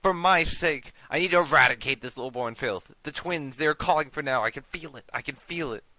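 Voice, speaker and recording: A man's voice: medium pitch, normal speed, bright, forceful tone, no echo, poor audio. A man voicing a gaunt, guilt-ridden old nobleman driven mad, ranting and menacing in a raised voice. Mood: raving.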